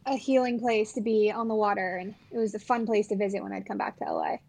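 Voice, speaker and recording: Fast and steady, her medium-pitched voice carries vocal fry, a slightly mellow quality and a breathy edge. She's a woman in her twenties from the LA area, a podcast guest chatting casually with a friend and trailing off with fillers.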